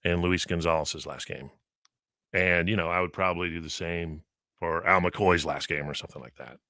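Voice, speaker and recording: A man's voice: low voice, normal speed, bright, forceful tone, no echo, studio quality. A man hosting a radio show in casual morning chat.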